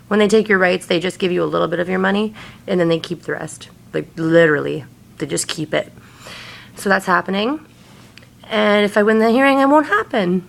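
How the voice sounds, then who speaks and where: A woman's voice: mid-range voice, gravelly. A woman talking casually to camera in a hazy, wandering way, slangy and sweary, saying "like" often and drifting between thoughts. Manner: slangy and sweary, heavy use of "like". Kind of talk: casual rambling personal talk to camera.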